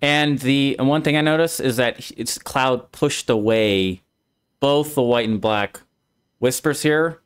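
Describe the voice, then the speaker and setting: A man's voice: mid-range voice, unhurried, clear, resonant tone. A man talking through a game's ending in a casual discussion, thinking aloud and often restarting his sentences. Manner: thoughtful, restarts mid-sentence while reasoning aloud. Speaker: streamer and co-host.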